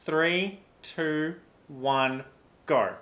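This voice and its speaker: A woman acting as game moderator, speaking in a formal, deliberate, official way. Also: deep voice, fairly bright tone. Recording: echoey room.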